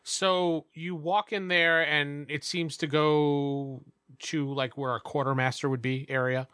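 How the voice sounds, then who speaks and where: Bright-voiced man running a tabletop game. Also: on the high side, level tone, clean tone, no echo, clean studio sound. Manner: casual, halting narration with fillers. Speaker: game master.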